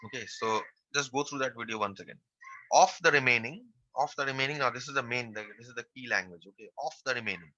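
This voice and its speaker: A man's voice: mid-range voice, quick pace, sharp tone, no echo, highs cut off. A man teaching a math class online, working through a percentages problem step by step and repeating the key phrases.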